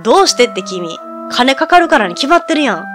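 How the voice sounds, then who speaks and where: A woman's voice: high voice, sing-song, a little fast, music in the background. A woman voicing a brusque, stingy middle-aged man who owns a lodge, speaking blunt Kansai dialect in a video game reading. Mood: gruff.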